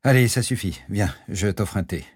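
A man reading an audiobook voices a young female scientist, speaking a little higher and lighter, gently teasing. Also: sing-song, fairly quick, breathy edge, no echo, clean studio sound. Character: young woman, a caring scientist. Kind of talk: audiobook character voice.

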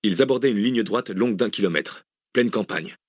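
Man, audiobook narrator, fairly low voice, measured, steady reading, dry close recording. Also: slightly rough, no echo.

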